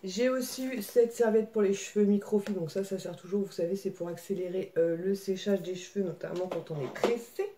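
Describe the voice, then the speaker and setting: A woman's voice: medium pitch, fairly even intonation, brisk, few pauses, dark tone. A woman, chatting casually in a haul vlog at home, with many fillers and a scratchy throat. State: slight throat irritation. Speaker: vlogger.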